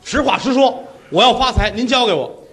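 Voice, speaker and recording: Lead comic, man, teasing storyteller, pitched high with an animated delivery. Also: fairly quick. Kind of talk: crosstalk comedy routine.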